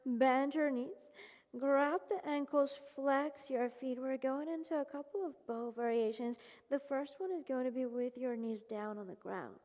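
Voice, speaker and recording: A woman leading a yoga class, giving calm, encouraging step-by-step cues and sounding slightly out of breath. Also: high voice, a little slow, long reverb tail. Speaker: yoga instructor. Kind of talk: guided yoga class instruction.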